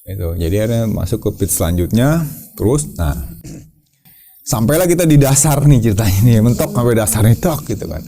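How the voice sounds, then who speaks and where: A caving team leader recounts his story to an interviewer, casual and animated, repeating words and acting out the shouts. His mid-range voice is gravelly and moves fairly quickly.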